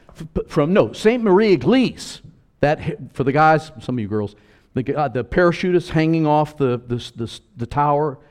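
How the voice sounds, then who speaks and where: An older man preaching to his congregation in a mid-pitched voice. He talks bluntly and rambles, dropping into low, quiet asides and then rising to loud, emphatic lines. He speaks from a church, facing the room. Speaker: pastor. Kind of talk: sermon.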